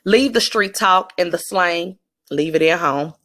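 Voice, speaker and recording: A woman's voice: lowish voice, unhurried, a bit bright. A woman with a Southern US accent, giving candid, emphatic career advice straight to camera in a casual vlog.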